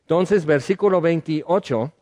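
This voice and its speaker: An American man, a native English speaker, preaches in a loose, conversational teaching style. His voice sits fairly high, and he stops often to restart with small fillers. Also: a little slow, warm tone. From United States. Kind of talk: sermon teaching.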